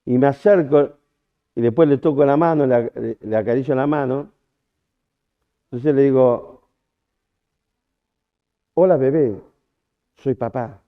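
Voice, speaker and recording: A man with an Argentine accent preaches at a church camp, slipping into a personal story. His voice sits at an ordinary middle pitch and his delivery is loose, with restarts and lively quoted lines. The recording is narrow and tinny, like a phone line. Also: normal speed, long pauses. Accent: Argentine Spanish. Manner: chatty anecdotal storytelling with restarts and acted-out quotes.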